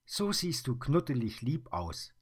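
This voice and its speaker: A man voicing a cross, moody little girl in a children's story, in a high, squealing child's voice. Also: very animated, unhurried, slightly rough. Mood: delighted.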